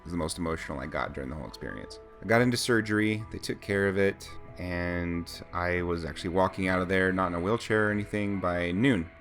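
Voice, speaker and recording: A man with a low-pitched voice talks as a vlogger sharing his own experience and tips. His delivery is conversational and informal, explaining things plainly as he goes. Faint music plays behind his voice. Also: quick pace, hardly any pauses, a bit bright. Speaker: vlogger recounting a personal experience. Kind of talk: casual chat, first-person account with advice.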